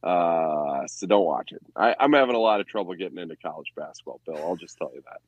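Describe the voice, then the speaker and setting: A man's voice: sits low, expressive, quick pace, no echo, muffled recording. A man co-hosting a sports podcast in casual chat, with wry, dry jokes.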